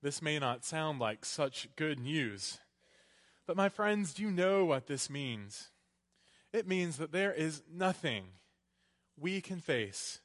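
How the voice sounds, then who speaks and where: A man delivers a sermon in a big church, his voice ringing with long reverb. He speaks slowly and deliberately in short phrases, on the higher side for a man. There is a playful touch to how he addresses his listeners. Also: fairly bright tone. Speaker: preacher, priest. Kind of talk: Christmas Eve sermon from the pulpit. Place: large church. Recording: echoey hall with long reverb.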